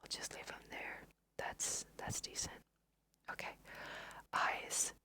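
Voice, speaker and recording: A woman softly whispers ASMR game commentary, thinking aloud unhurriedly as she guides listeners through her play as a let's play host.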